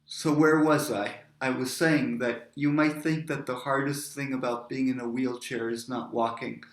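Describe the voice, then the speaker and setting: A man's voice: mid-range voice, fairly even intonation, moderate pace. Reflective man telling stories, roomy sound. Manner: reflective, wandering into tangents. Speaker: poet and speaker. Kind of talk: personal storytelling talk. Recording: roomy echo.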